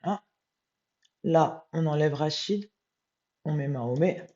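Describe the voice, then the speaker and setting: A tired woman, a medium thinking aloud as she transcribes a text live, muttering to herself and reading passages slowly. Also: deep voice, mellow, lo-fi sound.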